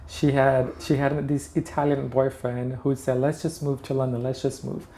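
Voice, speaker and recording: Guesting in a casual interview, a middle-aged interior designer from Brazil talks in a warm, level, medium-pitched voice at normal speed, with a Brazilian Portuguese accent. He frequently starts his sentences over, and there's a little hiss or hum on the recording.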